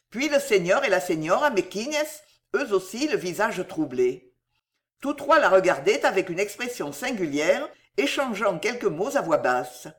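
A storybook narrator with a very lively, swooping delivery, pitched in a middle range. The reading is dramatic and emotive throughout. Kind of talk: expressive audiobook narration.

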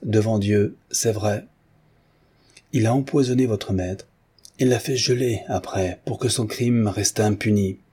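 A man's voice: lowish voice, a little slow, dark tone, slightly rough. A man reading a grave loyal servant. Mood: solemn. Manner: solemn, testifying. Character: loyal old male servant, grave and stiff.

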